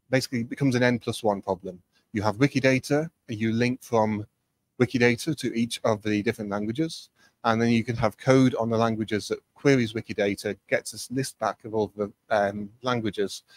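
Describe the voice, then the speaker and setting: Male webinar trainer, mid pitch, chatty explanations full of fillers, dry close mic. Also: dry recording. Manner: explanatory, conversational with frequent fillers. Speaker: webinar presenter. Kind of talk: technical training presentation.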